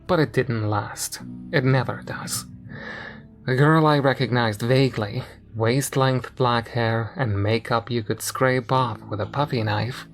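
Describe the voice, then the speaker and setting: Brief: male narrator for a creepypasta reading, measured scripted delivery, mid-range voice, soft music underneath. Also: mid-range voice. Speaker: horror story narrator. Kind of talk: scripted first-person horror narration. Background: faint background music.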